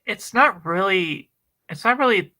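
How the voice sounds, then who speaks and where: Male co-host, casual book chat, bright edge, animated filler-heavy delivery. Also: high-pitched, measured pace, poor audio. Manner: animated, chatty retelling with many fillers. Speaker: book club podcast co-host.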